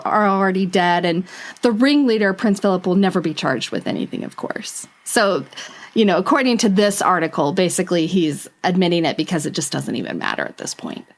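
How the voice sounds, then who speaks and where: A woman co-hosting a podcast in casual chat, laughing often as she reads out articles. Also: medium pitch. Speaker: podcast co-host.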